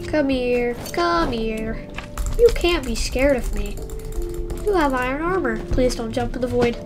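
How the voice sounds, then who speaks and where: Young woman gamer, high voice, joking running commentary over loud game music. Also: animated. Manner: chatty, joking, quick asides. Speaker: gaming YouTuber. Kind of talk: casual gameplay commentary.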